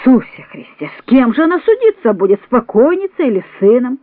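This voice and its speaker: A woman's voice: on the high side, very animated, quick pace, no room sound. A woman reading an audiobook voices a brash, mocking young clerk. The sound is dry and tinny, like a phone line. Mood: teasing. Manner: brash, teasing.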